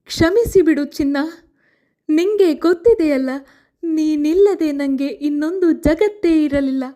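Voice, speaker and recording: A woman's voice: high-pitched, unhurried, mellow, voice pushed up. A woman voicing a dying one-eyed old mother who tenderly pleads with her son in a letter. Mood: tender sorrow.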